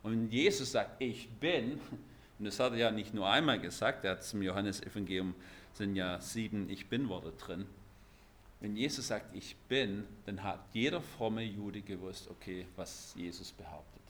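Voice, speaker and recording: Lively preacher man. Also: fairly low pitch, normal speed, a little hiss or hum. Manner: lively, emphatic, shifts between loud stresses and quiet asides. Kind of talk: sermon.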